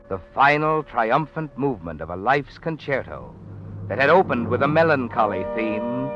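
An actor playing an ominous, all-knowing male storyteller in a 1940s radio mystery, with an American accent and theatrical, measured phrasing. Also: medium pitch. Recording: dull vintage radio recording. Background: dramatic music.

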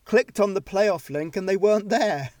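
A man's voice: high-pitched, moderate pace, a little mellow, no echo. A man co-hosting a football podcast in casual chat, talking with frequent restarts and laughs. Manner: chatty, stumbling restarts, laughs often. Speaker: podcast co-host. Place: car park.

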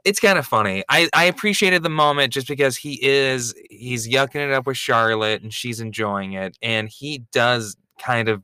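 A man's voice: medium pitch, normal speed, hardly any pauses, pushed and bright, clear, resonant tone, no room sound. A man with a Midwestern American accent, co-hosting a podcast in casual chat, laughing often and swearing freely. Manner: laughing, crude, rambling asides. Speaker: podcast co-host.

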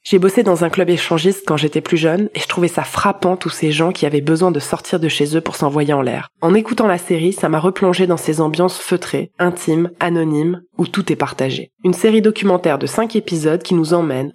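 A woman's voice: low-pitched, a little fast, hardly any pauses, darkish tone. A woman hosting a podcast review, delivering scripted narration with personal commentary.

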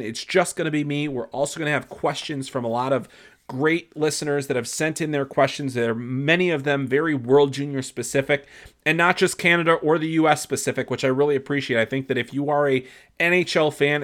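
Male podcast host, mid-pitched, nasally stuffed up from a cold, chatty and loose. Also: a bit bright. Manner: chatty, rambling with fillers. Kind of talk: solo podcast monologue.

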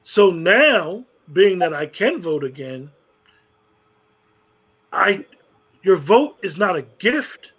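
A man with a high, husky voice talks emphatically in a casual conversation. He stacks repeated words as he pushes his point. The recording sounds dull and lo-fi. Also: big pitch swings, slow pace, long pauses, fairly bright tone. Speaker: podcast co-host.

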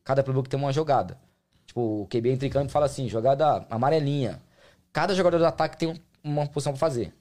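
A man's voice: medium pitch, very fast, darkish tone. A man with a Brazilian Portuguese accent, explaining American football in slangy, casual interview talk as a player and guest. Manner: slangy, colloquial, explains with examples.

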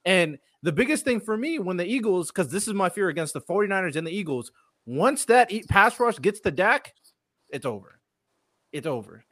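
Man, opinionated sports commentator, animated higher voice, dry sound, casual slang. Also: moderate pace, no room sound. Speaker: sports show panelist.

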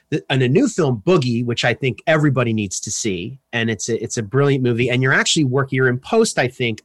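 A man's voice: medium pitch, a bit bright, no room sound. A man hosting an interview in a casual, enthusiastic way, often stumbling and restarting his sentences. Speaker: podcast host interviewer.

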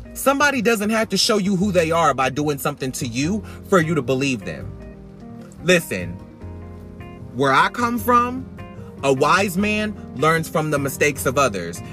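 Guy with a highish voice talking loud in the rain, sassy opinionated podcast rant, swears a lot, music behind him, recorded on a phone. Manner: emphatic, sassy, swearing freely; talking loudly over rain. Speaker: podcast host reviewing reality TV. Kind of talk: opinionated casual commentary. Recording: iPhone recording with background music.

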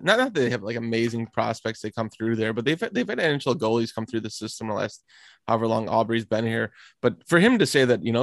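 A man co-hosting a casual hockey podcast, talking in halting runs with many restarts. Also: medium pitch, dry recording. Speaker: hockey reporter and podcast co-host. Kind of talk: casual sports chat.

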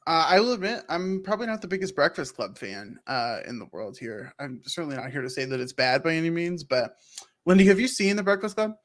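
Man, high pitch, podcast co-host, casual chat, enthusiastic. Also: lively intonation, a little fast. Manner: enthusiastic, gushing.

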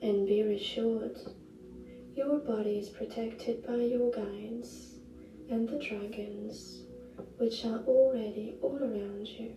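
A woman leads a guided meditation like a sleep story narrator, soothing and gentle. Her delivery is slow and hushed, with long pauses. The sound is roomy and echoing, with music behind her. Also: a little high, steady tone. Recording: roomy echo, distant mic, music behind.

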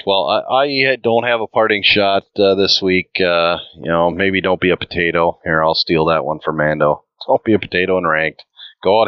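A man hosting a casual gaming podcast, relaxed, passing the turn to each co-host. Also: sits low, clear, resonant tone, no room sound, dull audio. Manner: relaxed, hands the mic around.

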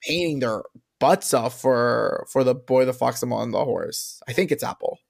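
A man's voice: mid-range voice, animated, normal speed, creaky. A man, a guest film reviewer, chatting casually about award picks and laughing easily.

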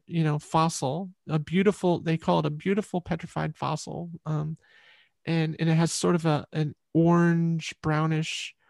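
A woman guest telling an animated personal story in an interview over a video call, acting out the voices of people in it. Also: sits low, vocal fry, no room sound. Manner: expressive, acts out quoted voices.

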